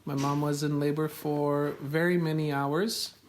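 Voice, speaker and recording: A South African man in his forties, a podcast host, is interviewed by his daughter and answers her questions carefully, spelling words out. His voice is fairly high, flat and measured, with a little hiss or hum in the recording.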